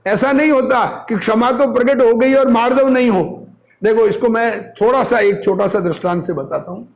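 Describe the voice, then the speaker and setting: Speaking slowly, this high-voiced man, whose tone turns creaky, alternates between reading a text and explaining it in a religious talk. He sounds like a teacher, instructing his listeners and raising rhetorical questions that he goes on to answer.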